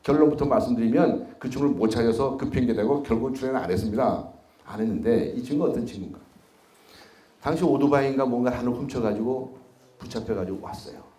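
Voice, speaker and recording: A man's voice: medium pitch, fast, dark tone. A man, a former prosecutor, giving a public lecture to an audience. He tells stories and puts rhetorical questions to the listeners. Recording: roomy hall echo.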